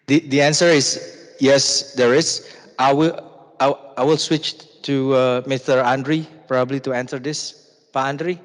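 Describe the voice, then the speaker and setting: Man, forum moderator, flat delivery, echoey hall. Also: mid-range voice. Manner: halting, many fillers. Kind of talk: hesitant panel moderation. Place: conference hall. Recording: reverberant conference hall.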